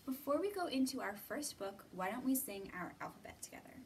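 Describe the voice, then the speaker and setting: An American woman in her thirties, a children's librarian and storytime host, leads a lesson in simple, encouraging, instructional phrases. Her voice is fairly high, very animated and a little fast. A distant mic in the indoor library room picks her up with background hiss.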